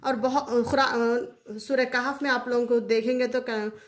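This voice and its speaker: A woman's voice: fairly high pitch, fairly even intonation, a little slow. A woman teaching Quranic Arabic grammar in a casual explanatory lesson, often repeating key terms for her listeners.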